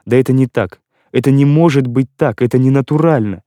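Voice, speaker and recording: A heartbroken young girl, distraught and breathless, pleads and protests through tears as a man voices her in an audiobook. He uses a natural, dark-toned voice of medium pitch at normal speed, recorded cleanly in a studio without echo.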